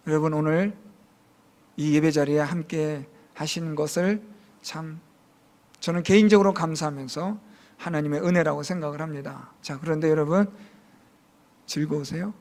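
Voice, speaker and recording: A man's voice: a little high, fairly even intonation, moderate pace, pauses often, a little mellow. A man from Seoul, a pastor, giving a chatty, humorous Sunday sermon full of questions to his congregation.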